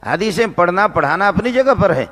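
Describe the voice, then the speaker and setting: Man giving a sermon in a high register, slows and repeats for emphasis; big echoing hall. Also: expressive, bright, forceful tone. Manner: repetitive, slows down to stress key phrases. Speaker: Islamic preacher and teacher. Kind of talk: religious sermon. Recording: long reverb of a large hall.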